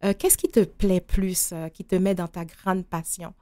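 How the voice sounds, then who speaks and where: A woman's voice: fairly low pitch, level tone, a little slow, no echo. Haitian-accented woman radio host, hesitant interviewer, dry close mic. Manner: warm-hearted questions, hesitant with many fillers.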